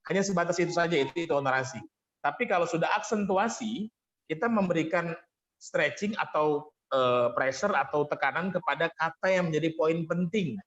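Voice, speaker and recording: A man coaches a group on voice technique over an online call, his voice sitting a little high. He explains patiently and keeps thanking his participants. The audio is dull and lo-fi. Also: moderate pace, a bit bright. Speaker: vocal training coach. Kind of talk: online workshop teaching.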